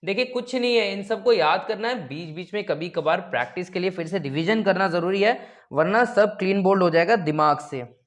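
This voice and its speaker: A man's voice: high-pitched, moderate pace. A man teaching a geography lesson. He is playful, uses joking memory tricks and keeps checking in with the students. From India. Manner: often checks in with "okay?".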